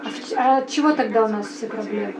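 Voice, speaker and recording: A woman's voice: a little high, fast talker, roomy sound, a crowd in the background, low-quality recording. A woman interviewer asking questions in a conversational way.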